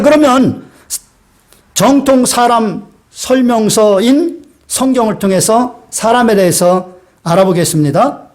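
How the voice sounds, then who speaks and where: High-voiced male pastor preaching earnestly. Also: a little mellow. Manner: earnest storytelling with many hesitant fillers. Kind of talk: sermon.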